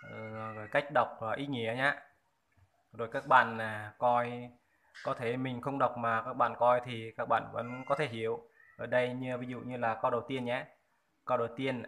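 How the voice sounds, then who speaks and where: A man gives a casual spoken language lesson. His voice is bright and forward, and he talks slowly. He repeats each word aloud again and again, with many hesitant fillers. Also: mid-range voice. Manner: slow, repetitive, drilling words aloud with many fillers. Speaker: language tutor, channel owner.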